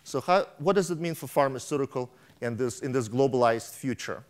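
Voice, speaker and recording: Reading from a tablet at a fairly quick clip, a middle-aged man delivers a keynote on a large conference stage, his prepared speech marked by frequent stumbles and restarts. He has a medium-pitched voice and wears a lapel mic.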